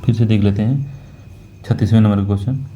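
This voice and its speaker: Man exam tutor, low mellow voice, repeats words and corrects himself, dull lo-fi recording. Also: steady tone, slight background noise. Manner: slow and repetitive, correcting himself. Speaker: exam prep teacher. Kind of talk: talking through a Hindi test question by question.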